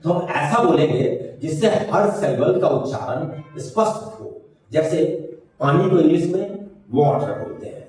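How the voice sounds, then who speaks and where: A man's voice: on the high side, darkish tone. Older man teaching in an echoey room. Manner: explains patiently, drilling words and mixing English with Hindi. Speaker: English teacher. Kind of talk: classroom spoken-English lesson. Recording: very echoey room, mic far off.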